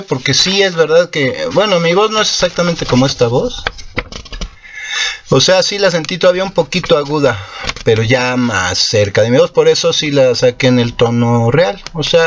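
The host of a guitar channel explains his sung cover afterward in a casual, rambling way, correcting himself and using lots of fillers. His medium-pitched voice comes through lo-fi over a noisy background, with acoustic guitar playing.

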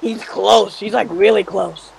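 A young man with a raspy voice, chatting casually while hosting a game challenge. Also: high voice, fairly even intonation, a little slow. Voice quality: raspy put-on voice. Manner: chatty, reacting to gameplay. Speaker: host running a game challenge. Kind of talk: casual gaming commentary.

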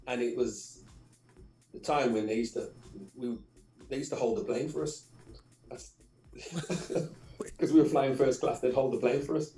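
A man's voice: medium pitch, measured pace, pauses often, soft background music. Man, middle-aged, from England, radio guest, chatty anecdotes, echoey studio. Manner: lively anecdotes with frequent laughs and repeated phrases. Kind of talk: casual interview storytelling.

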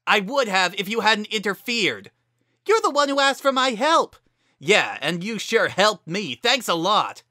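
A narrator playing a furious, bitter pegasus mare. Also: female voice, lowish voice, animated, normal speed, no echo, clean studio sound, pitched above the performer's own voice. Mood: scornful. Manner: loud, bitter, accusing. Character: young female pegasus pony, injured, bitter and fiery.

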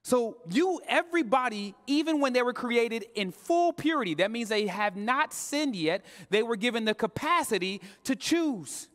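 A man's voice: very high-pitched, expressive, moderate pace, hardly any pauses, fairly bright tone. A male pastor preaching a live sermon, talking straight to his congregation in a casual, slangy way. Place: church sanctuary. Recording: long reverb of a church hall.

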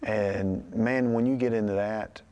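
A man's voice: on the low side, fairly even intonation, measured pace, darkish tone, clear, resonant tone. A man co-leading a conversational sermon who mostly backs his partner up with short affirmations. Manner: supportive, chiming in with short affirmations. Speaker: pastor.

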